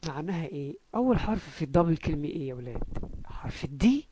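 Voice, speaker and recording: A man with an Egyptian Arabic accent teaching a language lesson, patiently repeating syllables aloud and slowly spelling out words. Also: fairly high pitch, sing-song, dark tone, slight background noise, rough recording.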